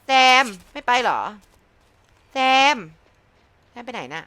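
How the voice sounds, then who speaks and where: A young woman casually commenting on her gameplay in an excitable, chatty way, with bursts of swearing. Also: a little high, slow. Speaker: game streamer.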